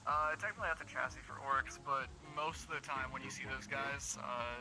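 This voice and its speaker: A man who explains things in a hesitant way, stumbling over "uh" again and again. He talks in character during a roleplay. Music plays clearly behind him. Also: mid-range voice, steady tone, brisk, poor audio. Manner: hesitant, explanatory, many uh's. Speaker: roleplay player.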